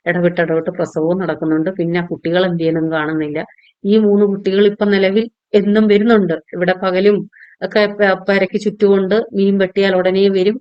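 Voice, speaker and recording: A woman's voice: fairly low pitch, a little mellow, clean tone, no echo, highs cut off. A woman vlogger who makes pickles at home, narrating in a chatty, homely way and often tagging a friendly word onto the end of her sentences. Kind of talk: chatty voice-over vlog narration.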